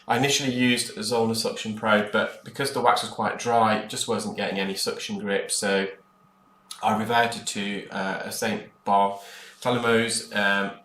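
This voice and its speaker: An ear care clinician narrates his own procedure videos with informal, explanatory voice-over, talking to viewers in a hesitant, rambling way. His voice is fairly low, steady and fairly bright at a normal speed, recorded in an echoey room with clear background noise from the procedure.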